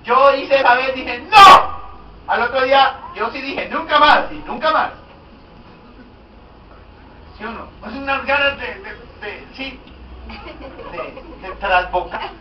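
A man's voice: very high-pitched, measured pace, long pauses, highs cut off, a little hiss or hum. A man preaching a humorous sermon, joking and asking the congregation questions. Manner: jokey, animated, asks the congregation questions. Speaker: pastor. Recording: echoey hall, mic at a distance.

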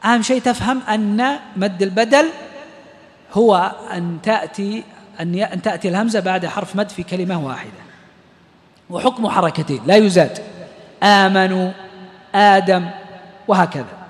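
A man's voice: sits high, a little fast, pauses often, long reverb tail. A man teaching a class on Quran recitation rules, explaining step by step and quizzing his students. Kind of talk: classroom lesson on tajweed.

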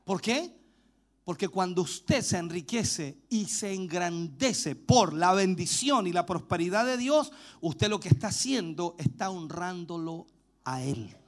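A man's voice: sits high, animated, unhurried. A man preaching a sermon to his congregation, shifting between intense exhortation and playful banter with the crowd. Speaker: pastor.

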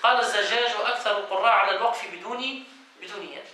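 A man's voice: high-pitched, racing, sharp tone, far from the mic. A man, a sheikh, teaching a class on Quran commentary, reading passages aloud, explaining them and questioning his students. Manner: reads a passage, then explains it and quizzes students. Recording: echoey room, voice from off-mic, faint noise.

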